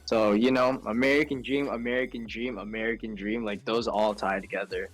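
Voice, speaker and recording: A teenage student talking casually about a novel for a class podcast, with lots of filler words. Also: male voice, lowish voice, fairly even intonation, a little fast. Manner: loose, with many filler "like"s.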